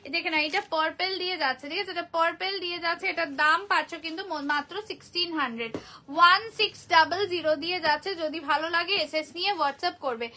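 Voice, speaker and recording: A woman's voice: extremely high pitch, fast, bright, forceful tone. A woman with a Kolkata Bengali accent hosting a casual live sale of saris, chatty and repeating prices, her voice tired. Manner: chatty, repeats prices, greets viewers by name. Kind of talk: casual live-stream sales chat.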